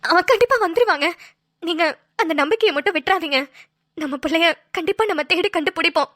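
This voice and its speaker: A woman's voice: very high voice, fast talker, a bit bright, no echo, clean studio sound, pitched below the performer's own voice. A woman voicing a loving middle-aged mother in a cartoon, soothing and reassuring her husband through tears. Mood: consoling. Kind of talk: cartoon voice acting.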